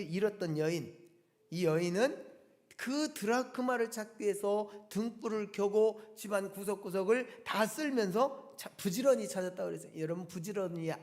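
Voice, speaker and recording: A male pastor preaching a Sunday sermon, talking directly to the congregation with rhetorical questions and emphatic repetition. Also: high-pitched. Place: church sanctuary. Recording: long church reverb.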